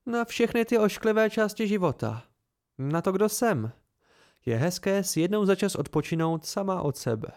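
A man voicing a gentle young woman, playful and weary, with a soft, lilting delivery. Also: high-pitched, expressive, smooth, voice pushed up.

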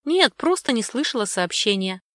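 A woman's voice: a little high, sing-song, normal speed, fairly bright tone, no room sound, pitched above the performer's own voice. A cheerful young woman student, as a woman narrator voices her in a spoken story, talking up to her family eager and raised. The sound is dry and near. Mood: upbeat.

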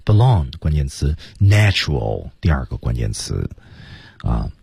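A man teaching English pronunciation on a radio show, slowly drilling phrases and stressing the key words. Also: extremely low pitch, big pitch swings, vocal fry, warm tone, slightly rough, no room sound. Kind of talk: radio language lesson. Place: radio studio.

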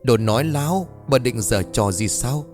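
Possessed young man, voiced by a male narrator, century-old female demon inside, sneering, cruel, lively swooping voice, faint music behind. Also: mid-range voice, normal speed, natural voice. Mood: menacing. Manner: snarling, mocking, cruel.

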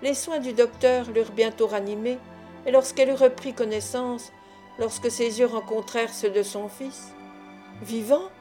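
A woman narrating a classic adventure novel as an audiobook, in a measured, clear storytelling delivery. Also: fairly high pitch, fairly even intonation, mellow, faint music behind. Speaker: audiobook reader.

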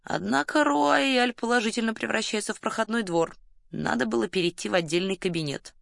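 A woman voicing a pompous, boastful male colonel who flirts in a low, smug murmur, in an audiobook. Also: lively intonation, moderate pace, no echo, studio quality, close to an everyday voice. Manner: smug, lowers voice to a suggestive murmur.

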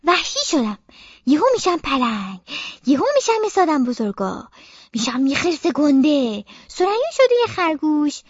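Voicing a young girl in the first person, a high-pitched woman narrates an audiobook with childlike expressiveness and playful sound effects. Her recording sounds dry and a bit muffled.

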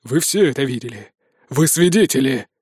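A middle-aged father who speaks softly and carefully, trying to calm things down, as a male narrator voices him. The recording is close and dry. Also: medium pitch, husky, dry recording, pitched below the performer's own voice. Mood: justifying. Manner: soft, coaxing, measured.

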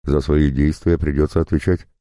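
A man voicing a spiteful, mocking goddess who scolds her son in a very deep voice. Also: level tone, normal speed, warm tone, no room sound, clean studio sound.

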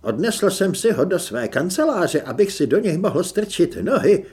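A nervous, guilty theatre manager spills out his excuses in a pushed-up, loud, bouncy voice, as a male narrator puts him on. He rambles and chatters. It comes from a storybook reading. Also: high voice, sing-song, pitched above the performer's own voice. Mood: flustered.

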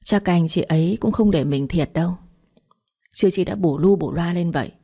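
An exasperated village husband who brushes off his wife's worries , voiced by a woman narrator. He sounds low, warm and a little husky. His tone is dismissive and placating. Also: moderate pace.

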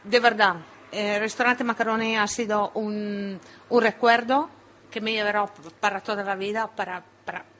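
A woman's voice: medium pitch, steady tone, a bit bright, slight background noise. A woman from Italy who speaks Spanish with an Italian accent, answering questions in a radio interview and often restarting her words. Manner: halting, repeats and restarts words. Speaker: interview guest, former restaurant owner. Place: radio studio.

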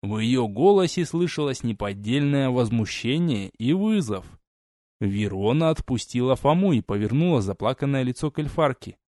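A man narrating an audiobook in a steady, expressive reading. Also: mid-range voice, moderate pace, no echo, clean studio sound. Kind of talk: scripted narration.

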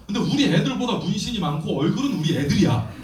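A man in his thirties, a missionary preacher telling his story in a sermon, acting out quotes with lively energy. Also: high voice, quick pace, a crowd in the background. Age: 30s. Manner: animated storytelling with acted quotes. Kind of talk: sermon testimony. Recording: echoey hall, distant mic, faint noise.

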